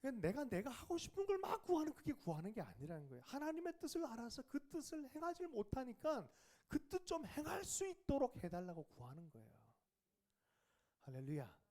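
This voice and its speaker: A man preaching a revival sermon with a warm, relaxed tone. His pitch rises and falls with great animation. He keeps asking the congregation questions and sometimes drops to a whisper for a quiet aside. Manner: questions the congregation and asks for replies. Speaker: pastor.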